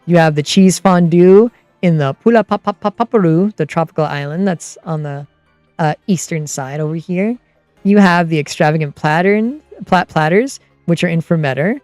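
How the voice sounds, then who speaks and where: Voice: medium pitch, normal speed, a little mellow, dry recording, soft background music. A streamer and game master of unclear sex chatting casually and explaining tabletop game rules in a rambling way.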